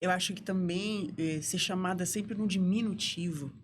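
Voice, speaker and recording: Woman, podcast guest, reflective, lowish voice. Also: moderate pace, a little hiss or hum. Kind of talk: casual conversation.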